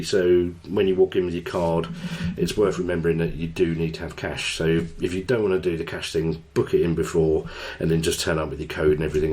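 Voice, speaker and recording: A man's voice: low-pitched, darkish tone. A man hosting a radio show, chatting casually and joking at his own expense. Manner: chatty, self-deprecating. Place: radio studio.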